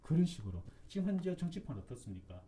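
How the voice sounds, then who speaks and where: A man's voice: fairly high pitch, sing-song, fast, dark tone, slight background noise. A man giving an impassioned preaching talk, emphatic and repetitive, full of rhetorical questions. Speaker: religious commentator.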